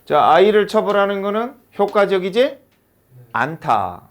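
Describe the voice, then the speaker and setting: A man's voice: high voice, slow pace. A man teaching an English lesson to a class of students in a classroom, asking rhetorical questions one after another. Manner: animated, asks constant rhetorical questions. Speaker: high school English teacher.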